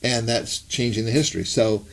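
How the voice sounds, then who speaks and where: A man's voice: medium pitch, moderate pace, gravelly. A man co-hosting a casual gospel discussion, often repeating words and restarting as he thinks aloud. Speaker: co-host.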